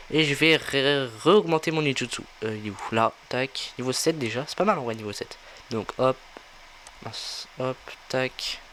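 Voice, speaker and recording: A man's voice: mid-range voice, a bit bright, a little hiss or hum. A young man giving a casual game walkthrough, thinking aloud with lots of fillers as he plays. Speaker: gaming tutorial creator.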